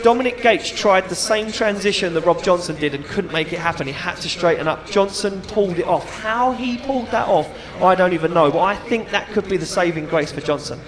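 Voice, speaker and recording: A man's voice: sits high, fairly quick, hardly any pauses. A middle-aged man doing live motorsport commentary and chat, emphatic and enthusiastic, repeating phrases for effect. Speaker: motorsport event commentator and announcer. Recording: crowd noise behind trackside commentary. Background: event crowd.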